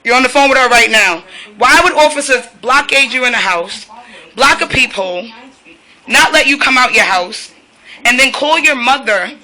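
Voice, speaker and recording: A woman's voice: on the high side, pushed and bright. A woman filming from inside an apartment, speaking agitatedly, firing rhetorical questions and turning to address officers directly. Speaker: resident filming a police standoff. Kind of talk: live self-recorded protest commentary. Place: indoors in an apartment.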